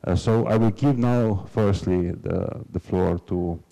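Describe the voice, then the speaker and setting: Slovenian guy moderating a panel, low soft voice, lots of ums, reverby hall. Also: slow, vocal fry. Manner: hesitant, many fillers.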